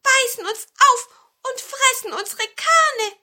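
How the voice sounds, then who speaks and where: A woman voicing a bunch of small, cheeky pine cones in a storybook, in a very high, giggly voice. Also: expressive, takes it slowly, pushed and bright, exaggerated voice.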